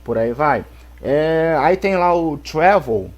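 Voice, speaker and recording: A male teacher with a Brazilian accent gives a recorded English grammar lesson to schoolchildren. He explains slowly and keeps checking in with the class. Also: on the high side, lively intonation. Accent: Brazilian Portuguese. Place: home, for a video lesson.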